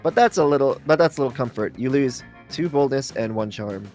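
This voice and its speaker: A man's voice: mid-range voice, animated, fairly quick, a little mellow. A man reading game narration aloud to a group as the narrator of a playthrough. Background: music.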